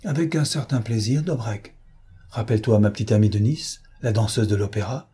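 A vindictive senior official savours his revenge in a storybook reading, as a man puts him on. He speaks coldly and evenly. The tone is mellow and somewhat husky. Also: lowish voice, normal speed. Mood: gloating. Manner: cold, gloating.

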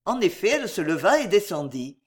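Woman reading a novel with lively intonation. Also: lowish voice, a little fast. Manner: expressive reading, acts out each character. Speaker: narrator.

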